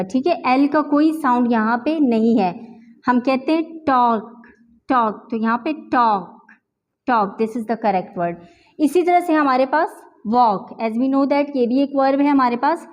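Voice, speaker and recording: A young woman teaching English pronunciation in a lesson, explaining in Hindi with English phrases and repeating each example word slowly. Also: high voice, a little mellow. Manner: slow, drawn-out repetition of example words.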